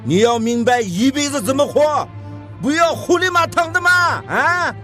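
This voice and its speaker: Village chief, high voice, preachy, drags out his endings, soft music behind. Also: animated. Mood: exhorting. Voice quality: coaxing, preachy with drawn-out sentence endings. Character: male village chief, middle-aged, persuasive and folksy. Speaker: village head. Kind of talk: radio drama acting.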